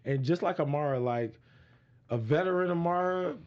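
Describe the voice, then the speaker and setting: A man's voice: fairly high pitch, normal speed, clear, resonant tone. A man from Miami giving frank, rambling opinions in a casual recap chat, with many fillers. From Miami, Florida. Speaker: panelist. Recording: dull lo-fi audio.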